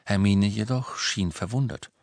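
A man narrating an audiobook in a measured, even storytelling manner. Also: on the low side, no room sound. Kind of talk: scripted narration.

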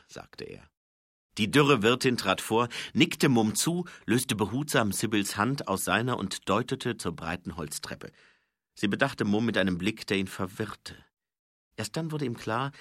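Man reading an audiobook, dramatic, bright lively voice, dry sound. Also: on the low side, no room sound. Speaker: narrator. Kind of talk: audiobook narration.

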